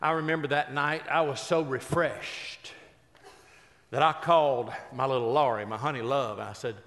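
A man's voice: mid-range voice, fairly even intonation, normal speed, a bit bright, long reverb tail. A man, telling folksy stories and teasing a live audience from a stage. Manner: folksy, chatty, teasing the crowd. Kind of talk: stand-up storytelling to a live audience.

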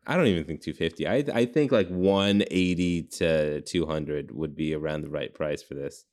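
Very deep-voiced man rambling casually. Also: moderate pace, a little mellow. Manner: rambling, heavy use of "like". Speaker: podcast co-host. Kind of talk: casual brainstorming chat.

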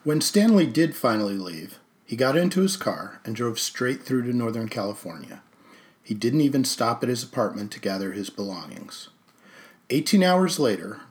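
Steady male audiobook narrator. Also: medium pitch.

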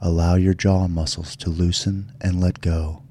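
A man hosting a guided relaxation meditation in a soft, soothing, gentle delivery. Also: deep voice, level tone, measured pace, slight background noise. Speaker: show host.

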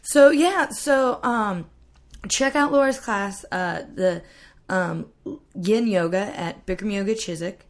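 A woman's voice: mid-range voice, slow pace. A woman in her thirties hosting a podcast, chatty and laughing often. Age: 30s. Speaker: podcast host. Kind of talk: casual interview chat.

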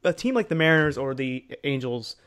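A man's voice: medium pitch, expressive, fairly quick, fairly bright tone, clear, resonant tone. Male co-host, casual and rambling, mid-range voice. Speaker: podcast co-host. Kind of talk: casual sports chat.

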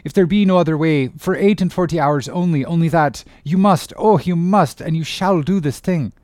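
A man's voice: on the high side, moderate pace, darkish tone, no room sound, studio quality, pitched above the performer's own voice, lightly acted. A man reading an audiobook voices a frantic whaling captain pleading for help to find his lost son. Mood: desperate pleading. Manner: pleading, begging urgently. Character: desperate grieving whaling captain, middle-aged man.

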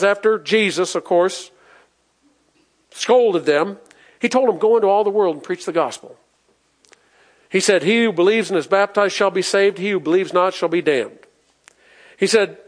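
A pastor preaching a sermon to his congregation, reading scripture aloud and asking the people questions. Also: sits high. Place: church in front of a congregation.

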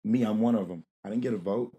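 A man's voice: on the low side, quick pace, dark tone. A man being interviewed in a casual, rambling conversation, laughing often and restarting his sentences. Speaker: interview guest, rapper and producer.

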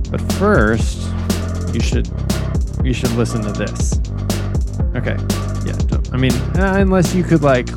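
A man hosting a podcast, talking casually in a rambling way and laughing often. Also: mid-range voice. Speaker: podcast host.

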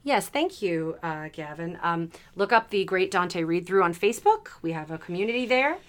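Low-pitched woman hosting a casual podcast. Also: big pitch swings, normal speed. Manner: leads the talk, reads out listener questions. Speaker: podcast host. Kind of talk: casual chat.

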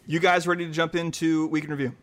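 A man hosting a casual news trivia quiz, upbeat and chatty, reading questions out slowly. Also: a little high, little pitch movement, a little hiss or hum. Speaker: quiz host.

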